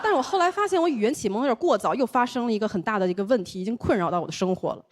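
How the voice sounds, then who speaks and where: Her voice a bit high and her delivery racing, a young Taiwanese comic with a Beijing accent works a live crowd from the stage. The set is lively storytelling that slips into other people's voices as she quotes them.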